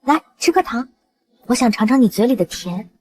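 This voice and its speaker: A defiant young heroine. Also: female voice, on the high side, animated, normal speed, a little mellow, husky. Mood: teasing. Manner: teasing, defiant. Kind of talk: short drama acting.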